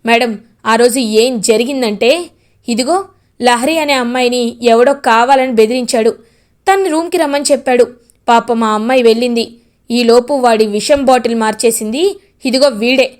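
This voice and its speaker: A woman voicing a cowardly man confessing in fear, rushed and pleading. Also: fairly high pitch, lightly acted. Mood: fearful.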